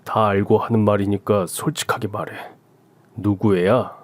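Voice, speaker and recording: A man voicing a stern young husband who speaks low, flat and blunt. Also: normal speed, dry recording, close to an everyday voice. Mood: cold.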